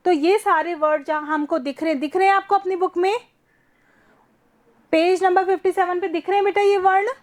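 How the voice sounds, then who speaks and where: A woman teaching a first-grade class online, patiently repeating words slowly for young children. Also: very high-pitched, fairly even intonation. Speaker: primary school teacher.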